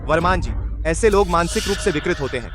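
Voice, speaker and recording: A man's voice: fairly high pitch, expressive, brisk, loud music behind the voice, close to an everyday voice. An actor playing a sneering, hot-tempered young male rival who taunts and threatens in a dubbed short drama.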